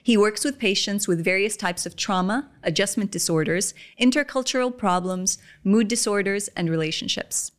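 A woman hosting an interview podcast, giving measured introductions and laughing easily with her guest. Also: mid-range voice. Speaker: podcast host.

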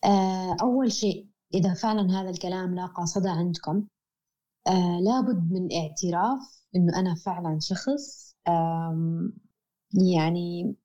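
A woman's voice: lowish voice, moderate pace, mellow, lo-fi sound. A woman with a Levantine Arabic accent speaking as an interview guest, explaining reflectively in an earnest, emphatic way and repeating key phrases.

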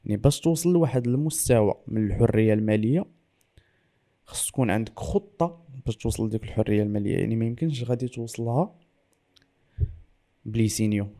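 A man explains things in an interview with a Moroccan Arabic accent. He talks briskly in a mellow, relaxed tone, dropping French and English terms into his sentences. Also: fairly low pitch. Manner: mixes in French and English loanwords. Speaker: trader interviewed as guest.

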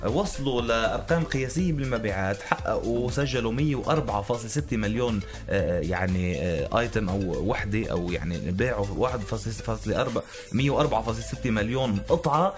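A man's voice: lowish voice, animated, quick pace. A man with a Lebanese accent co-hosting a radio morning show in upbeat, emphatic banter. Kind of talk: lively radio banter and promotion. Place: radio studio. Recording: music bed behind the voice.

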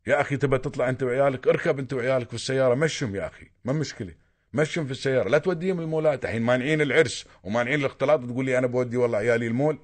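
Fast-talking Emirati man lecturing listeners. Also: mid-range voice. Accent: Emirati Arabic. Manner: insistent, lecturing, repeats himself. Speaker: caller. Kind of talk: radio call-in advice.

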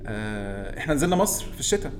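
A man's voice: on the low side, very animated, very fast, a little hiss or hum. A young man with an Egyptian Arabic accent, co-hosting a podcast with casual stories and banter. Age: young adult. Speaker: podcast co-host.

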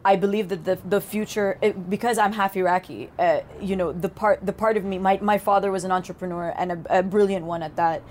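A woman's voice: medium pitch, fairly even intonation, brisk, hardly any pauses, a little mellow, a little hiss or hum. A woman hosting a podcast, speaking earnestly and reflectively in casual chat, with hesitations and fillers. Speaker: podcast host.

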